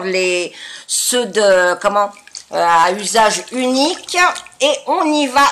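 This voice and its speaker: A woman with a fairly high, honking and nasal voice, stuffed up with sinus congestion. She talks slowly and casually, as a beauty vlogger does to her viewers, often stopping to search for her words. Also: a bit bright. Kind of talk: casual product-review chat to viewers.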